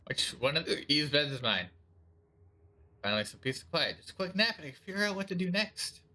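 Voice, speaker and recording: A man's voice: on the high side, very animated, brisk, pushed and bright, heavily acted. A man reading as a tired teenage big sister. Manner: fond, weary, chatty. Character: caring teenage girl, tired older sister. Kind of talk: reading game dialogue aloud.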